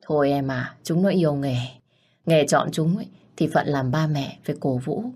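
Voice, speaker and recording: A woman voicing a calm older father-in-law who soothes his wife gently. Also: sits low, normal speed, breathy edge. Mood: soothing.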